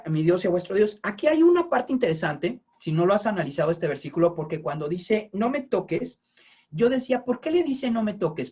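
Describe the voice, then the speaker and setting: A man delivers a sermon in a husky, slightly rough voice, leaning on repetition and direct questions to his listeners. The recording sounds dull and lo-fi. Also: sits high, darkish tone. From Mexico. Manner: emphatic, repeats phrases and asks the listener questions. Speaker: preacher.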